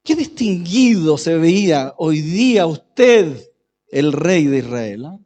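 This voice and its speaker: A man voicing an indignant, scornful queen who mocks her husband with sneering, drawn-out words. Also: fairly high pitch, sing-song, mellow. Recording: echoey church hall.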